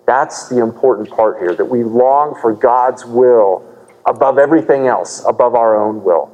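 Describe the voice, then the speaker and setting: A man's voice: medium pitch, moderate pace, a little mellow, big-room sound, rough recording. A man preaching a sermon as pastor, explaining a scripture passage earnestly and posing rhetorical questions to the congregation.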